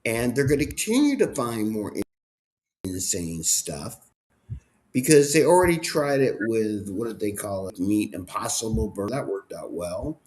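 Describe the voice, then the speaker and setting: A man hosting a political talk show, his voice swinging widely up and down as he rants. He talks in a sarcastic, mocking way. His delivery is animated and full of scorn. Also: fairly low pitch, normal speed.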